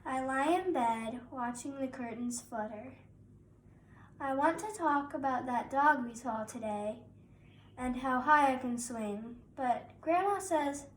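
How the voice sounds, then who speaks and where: A high female voice, recorded from a distance, belongs to a girl of about nine who narrates a children's picture book aloud. It's scripted story narration, and the room gives a roomy echo along with faint background noise.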